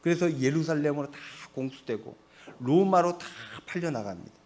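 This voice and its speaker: A man's voice: on the high side, lively intonation, moderate pace, a little mellow. A middle-aged Korean man from Seoul, preaching a sermon in a chatty way, asking his congregation questions and answering them himself. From Seoul, South Korea. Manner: conversational, asks the congregation questions and answers them, laughs at his own jokes. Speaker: pastor.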